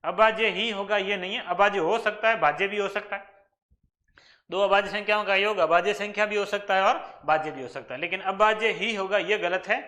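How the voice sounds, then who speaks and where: A man with a Rajasthani accent gives an exam-prep maths lesson. His voice sits high and sounds bright and forceful. He walks through each problem step by step, posing questions and answering them himself. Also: fairly quick. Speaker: maths teacher.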